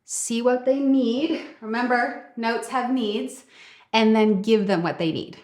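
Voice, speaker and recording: A woman's voice: on the high side, slow, a little mellow. A woman vocal coach giving an upbeat, encouraging singing lesson, talking straight to her students and singing short demonstration lines.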